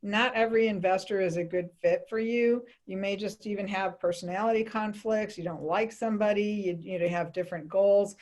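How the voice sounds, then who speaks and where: Lady lawyer on a panel, friendly, businesslike, spells stuff out slow. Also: mid-range voice, fairly even intonation, a little mellow. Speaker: attorney. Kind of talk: brief panel introduction and advice.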